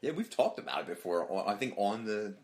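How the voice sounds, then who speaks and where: A man with a very low, deep voice co-hosting a casual podcast. He talks excitedly, swears freely and acts out little quoted lines as he goes. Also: a little fast. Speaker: podcast co-host.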